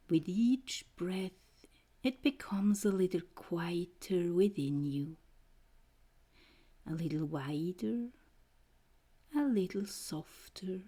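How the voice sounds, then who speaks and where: A woman guiding a trance meditation in a soothing, mesmerizing way, with short gentle phrases and a soft, breathy voice that often nears a whisper. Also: fairly low pitch. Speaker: guided meditation narrator.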